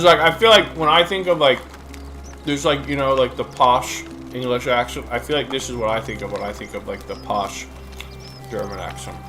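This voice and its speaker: Casting: young male streamer, loose and profane, chatty over game music. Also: medium pitch. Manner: rambling, profane, many fillers. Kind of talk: casual live-stream commentary.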